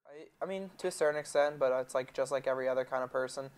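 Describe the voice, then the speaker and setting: A man's voice: medium pitch, very fast. A young man of eighteen, a college freshman answering interview questions casually and saying "like" often. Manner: flat, casual, with frequent "like".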